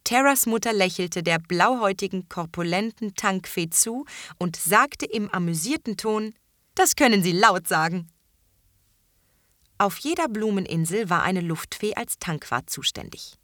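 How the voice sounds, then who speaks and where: A woman reading a children's story aloud in an expressive way. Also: medium pitch, moderate pace, no echo, clean studio sound. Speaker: narrator. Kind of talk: audiobook narration.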